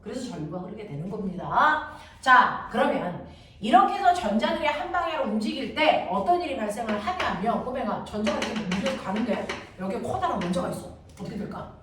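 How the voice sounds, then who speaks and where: A woman's voice: fairly high pitch, big pitch swings, fairly bright tone, recorded from a distance. Woman teacher in an echoey classroom. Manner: brisk, constantly checks understanding with quick questions. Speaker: middle school science teacher. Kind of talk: classroom lecture. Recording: echoey classroom from afar, noisy.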